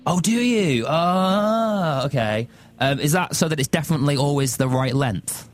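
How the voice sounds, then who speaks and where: A man with a Lancashire accent hosting a radio breakfast show, excitable and mock-dramatic, laughing often. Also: fairly high pitch, moderate pace. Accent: Northern English, Lancashire. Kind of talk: lively radio chat. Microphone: studio microphone.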